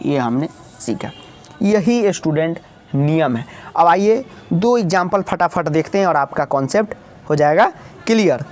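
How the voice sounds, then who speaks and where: A man's voice: a little high, lively intonation, moderate pace, darkish tone. A male teacher explaining grammar step by step, often calling out to his students, repeating himself and correcting his own slips.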